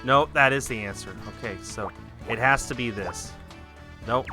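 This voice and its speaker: Male game streamer over loud music. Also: medium pitch, moderate pace. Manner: thinks aloud, muttering as he works. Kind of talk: casual live game stream commentary.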